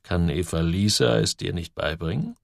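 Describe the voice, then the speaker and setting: A man doing a low, easygoing dad. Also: normal speed, vocal fry, no room sound, studio quality. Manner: low, relaxed. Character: warm easygoing father Samuel.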